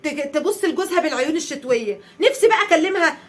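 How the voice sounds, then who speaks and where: A woman with an Egyptian accent playing a loud, sarcastic wife in a comedy sketch, ranting in rapid bursts. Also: high-pitched, expressive. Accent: Egyptian Arabic.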